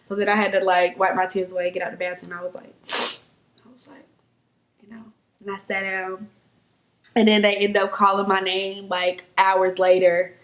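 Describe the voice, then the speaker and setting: A young woman vlogger, telling stories casually to camera in a slangy, animated way and acting out quotes in high voices. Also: moderate pace. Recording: echoey room.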